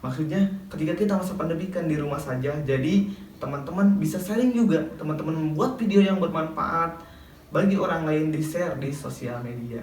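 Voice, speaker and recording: A man's voice: on the high side, brisk, darkish tone. A man speaking as an Islamic preacher, giving didactic, sermon-like advice and addressing listeners as friends. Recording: echoey room, distant mic, faint noise.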